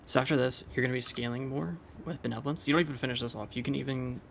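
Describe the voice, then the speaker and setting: A man's voice: mid-range voice, fairly even intonation, racing, gravelly, slight background noise. A young man casually thinking aloud as he explains a game build over gameplay, loose and rambling with restarts. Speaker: game commentator.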